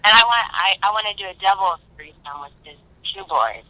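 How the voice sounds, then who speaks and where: A caller's voice reaches the studio through a phone on speaker held up to the microphone. The sound is thin, sharply bright and dry, as if from a little distance. The caller talks hesitantly, with many fillers and restarts. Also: medium pitch, sing-song, brisk, dry recording. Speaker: caller to a live talk show.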